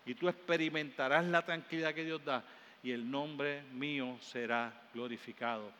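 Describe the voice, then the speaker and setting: A man's voice: mid-range voice, fairly even intonation, normal speed, bright, forceful tone, highs cut off. A male pastor with a Caribbean Spanish accent, preaching a sermon in a church hall and building up in emphatic repeated phrases. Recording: long hall reverb, faint room noise.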